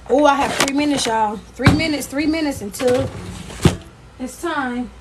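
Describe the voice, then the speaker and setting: Chatty woman cooking in a noisy kitchen. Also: high voice. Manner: chatty, talks to kids and viewers while cooking. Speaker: home canning vlogger. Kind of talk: casual kitchen vlog. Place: home kitchen. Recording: loud background noise.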